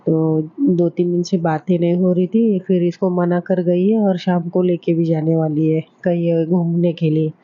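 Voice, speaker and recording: A woman voicing a gentle, chatty middle-aged mother who talks in a soft, homely, rambling way, on a dull lo-fi recording. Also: fairly low pitch, little pitch movement, measured pace, hardly any pauses, natural voice.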